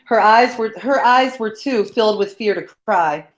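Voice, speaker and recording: Narrating a novel, this medium-pitched woman keeps her reading steady, even and measured. There's a roomy echo around her voice.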